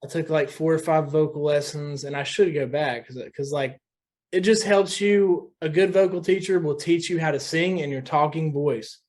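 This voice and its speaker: A man's voice: a little high, moderate pace, darkish tone. A young man from West Virginia, a guest musician talking loosely in a casual podcast chat, often saying dude.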